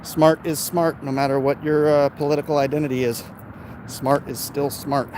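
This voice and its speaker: Traffic and city noise fill the background as this American vlogger answers viewer comments on a live stream from his backyard. His voice sits on the higher side, with little pitch movement and a moderate pace. He talks unscripted in a casual, opinionated, emphatic manner, as if chatting with his audience.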